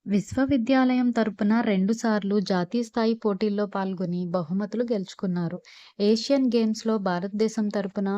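A woman narrating a scripted biography, reading facts and long lists at a steady, even pace. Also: medium pitch, dry recording, muffled recording.

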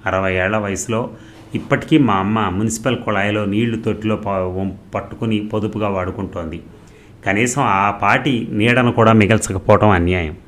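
A man's voice: on the low side, steady tone, normal speed, fairly bright tone, natural voice. A man voicing a timid, anxious middle-aged husband who pleads earnestly with his wife. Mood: pleading.

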